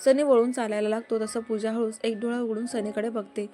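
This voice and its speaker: A woman narrating a serial story in a brisk, plain storytelling manner. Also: fairly high pitch, steady tone, dark tone. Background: background music.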